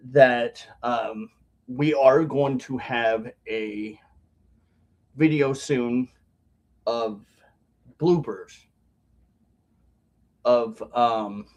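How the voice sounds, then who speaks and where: Slow, halting man talking around chewing tobacco. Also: mid-range voice, darkish tone. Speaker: video blogger. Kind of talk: casual rambling vlog talk to viewers.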